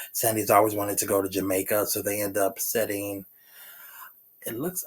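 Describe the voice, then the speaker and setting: A man casually recapping a TV episode, rambling with lots of fillers and restarts. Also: on the low side. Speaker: TV recap reviewer.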